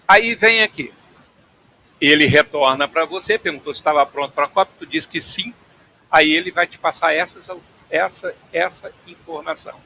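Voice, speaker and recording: Bright gravelly man teaching. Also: on the high side, moderate pace, rough recording. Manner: explains patiently, checks in with "tá?" and "ok?". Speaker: flight phraseology instructor. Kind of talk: online class lecture.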